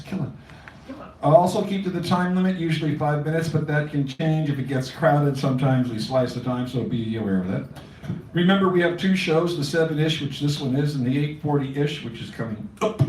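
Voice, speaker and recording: A man's voice: medium pitch, darkish tone, recorded from a distance, a little hiss or hum. A man hosting a poetry open mic in a cafe, rambling through announcements with wry asides. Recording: echoey cafe room recorded from afar.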